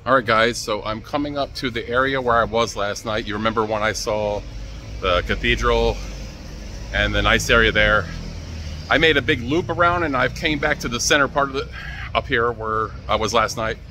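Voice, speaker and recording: A man's voice: medium pitch, moderate pace, bright, forceful tone. A man vlogging as he walks through city streets, talking to his viewers in an easygoing, chatty way. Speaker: travel vlogger. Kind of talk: casual walking-tour narration. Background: faint street and traffic noise.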